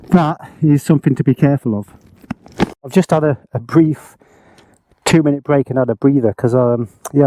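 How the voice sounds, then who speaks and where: A man reviewing a motorbike outdoors in a casual, enthusiastic way, pausing often with fillers. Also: mid-range voice, warm tone. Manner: enthusiastic, hesitant with many fillers. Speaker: motorcycle vlogger. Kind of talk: casual first-ride review.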